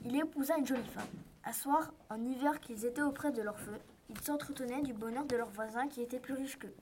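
A woman narrating a fairy tale in a clear, measured storytelling manner. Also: high-pitched, darkish tone, a little hiss or hum.

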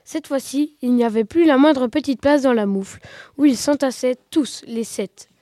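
Lively woman reading a children's story. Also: high-pitched, moderate pace, dry recording, clean studio sound. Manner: expressive, lively read-aloud with rising excitement.

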